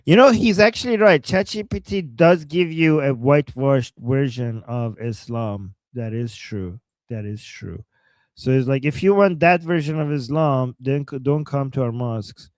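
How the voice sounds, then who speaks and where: Co-hosting a live stream, a man with a Persian accent reads chat messages aloud and reacts with animated, joking commentary, laughing often. His voice sits in the mid range, he speaks a little slowly, and there is no echo.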